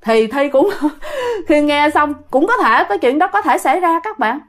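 A young woman with a high voice narrates a ghost story in a loose, conversational way. She chats straight to her listeners and slips briefly into the voices of the people in the tale. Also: sing-song, moderate pace. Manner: chatty, retells a listener's story with acted quotes of the girls. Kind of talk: casual spoken storytelling.

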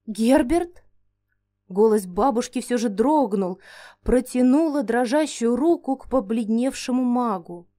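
Woman narrating a story, slightly high. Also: measured pace, mellow. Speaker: audiobook narrator. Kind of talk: scripted first-person narration.

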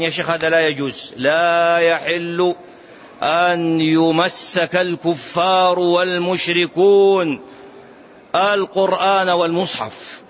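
Male lecturer with a high voice, emphatic religious lesson, rhetorical questions and repetition, dull lo-fi recording. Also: a bit bright. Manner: emphatic, asks rhetorical questions and repeats key phrases. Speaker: Islamic lecturer.

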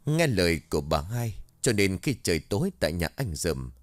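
A man narrating a scripted village ghost story in an expressive storytelling manner. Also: deep voice, moderate pace, no room sound.

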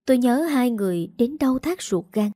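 Mellow-voiced woman narrating a sad tale. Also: a little high, lively intonation, moderate pace, no room sound, clean studio sound. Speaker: storyteller. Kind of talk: scripted first-person narration.

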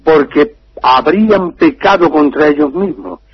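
A man telling a story on a radio show in a lively, joking way. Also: on the high side, a little slow, breathy edge, dry recording. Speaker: radio contributor. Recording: dull, dry radio line.

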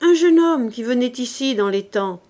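A woman's voice: a little high, expressive, normal speed, a little mellow, lightly acted. A woman voicing a bold, ragged, skinny young girl who talks bluntly, in a storybook reading.

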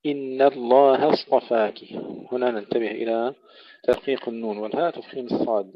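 A man leads a Quran recitation lesson, chanting verses slowly and melodically before breaking into quick, matter-of-fact explanations of pronunciation. His voice sits at an ordinary middle pitch. The recording sounds dull and lo-fi. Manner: slow melodic recitation alternating with brisk explanation.

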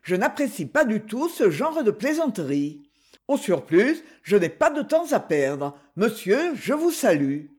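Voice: mid-range voice, big pitch swings, unhurried, darkish tone, breathy edge. A narrator voicing a grumpy, peremptory man who snaps curt replies, in an audiobook. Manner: curt, scolding.

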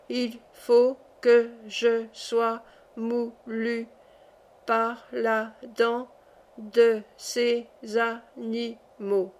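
A grave little orphan girl reads aloud from a big book, as a woman reading the story puts her on, sounding out each syllable with painstaking slowness. Her voice sits a little high, in a storybook reading.

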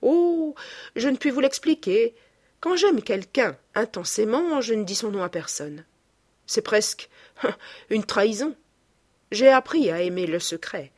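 A woman's voice: a little high, expressive, unhurried, voice pushed up. A woman reading aloud as a young male painter, earnest and emphatic, guarding a secret.

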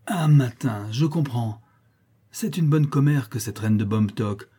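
A man voicing a brash, cheeky young French sailor in a read-aloud adventure story, talking in an excited, blustering way. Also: medium pitch, a little slow, breathy edge. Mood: boisterous.

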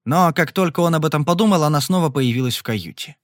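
A male audiobook narrator with a steady, measured delivery. His voice sits a little high for a man. The recording is dry and close, with no room sound. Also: dry recording.

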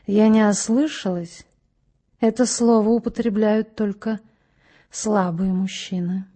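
Audiobook: a mysterious young lady voiced by the female reader, husky, slow and hushed. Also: medium pitch, fairly even intonation, lightly acted. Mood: hushed, pleading. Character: mysterious young woman, low, chesty, slow.

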